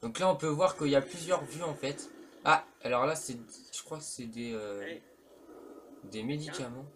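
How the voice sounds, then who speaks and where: A man chats his way through a horror game, rambling, full of fillers and casual slang. His voice sits in a mid range, neither high nor low. Faint background noise hums under the recording. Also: normal speed, fairly bright tone. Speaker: let's play commentator. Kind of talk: casual gameplay commentary.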